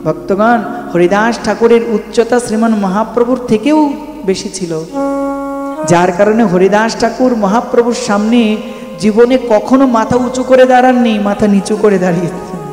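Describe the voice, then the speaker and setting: Male devotional preacher, high-pitched, storytelling sermon broken up by chanted mantra, recorded in a reverberant hall with soft music under. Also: normal speed. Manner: chants the mantra in a sing-song, asks rhetorical questions. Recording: echoey hall with music behind.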